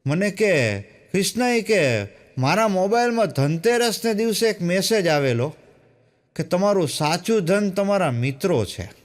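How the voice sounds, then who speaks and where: A man's voice: high voice, very animated, measured pace. A man with a Saurashtra Gujarati accent telling jokes as a stand-up comic, acting out the dialogue of the people in his stories. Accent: Gujarati, Saurashtra dialect. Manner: storytelling, quoting characters in dialogue. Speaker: stand-up comedian.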